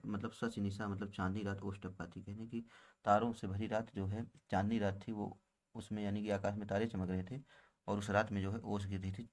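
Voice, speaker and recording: A man teaching a poem to students, with a low voice that stays level and seldom rises or falls. He reads each verse slowly, then paraphrases it in everyday words, and keeps calling his viewers friends. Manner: addresses viewers as friends, with frequent filler phrases. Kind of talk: explaining a Hindi poem line by line.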